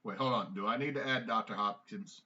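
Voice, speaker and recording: A man narrating as game master of a tabletop game, in a relaxed way with fillers. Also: fairly low pitch, brisk. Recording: dull lo-fi mic.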